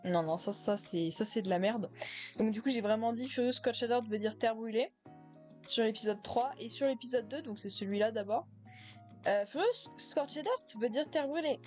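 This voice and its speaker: A teenage girl in high school, casually reacting to her own old comments, self-mocking, with many fillers and laughs. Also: moderate pace, a little mellow, faint music behind. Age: teens.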